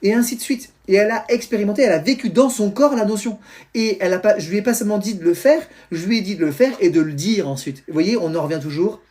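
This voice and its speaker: A middle-aged man, a teacher and trainer, giving advice to parents on a live stream in an animated, explanatory way, with many fillers and restarts. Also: sits high, fast talker. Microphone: phone or computer mic on a live stream.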